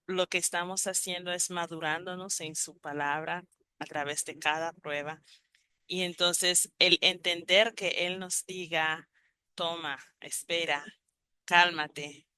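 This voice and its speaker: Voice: mid-range voice, sharp tone, clean tone. A fellowship group leader responding to a testimony in an affirming, encouraging way.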